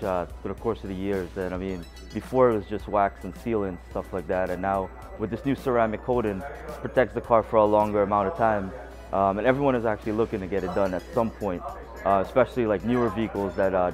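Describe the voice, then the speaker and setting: A man's voice: on the low side, fast. A young man from Long Island, a detailing student, answering an interview question casually on a lapel mic. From Long Island, New York, USA. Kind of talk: short on-camera interview answer. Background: background music.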